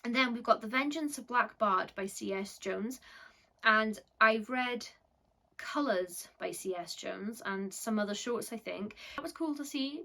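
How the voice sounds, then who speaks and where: A Welsh woman gives a casual, rambling book review in a slightly high, unhurried voice with vocal fry and a sharp tone. She's chatty and bashful, full of fillers and self-deprecating remarks.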